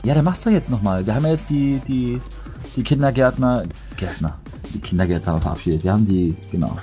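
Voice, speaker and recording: A man's voice: mid-range voice, animated, quick pace, dark tone. A man, chatting casually and teasingly while playing a game with friends. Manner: joking, teasing, rambling. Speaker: let's play gamer. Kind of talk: casual gaming banter. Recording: voice chat with faint background music.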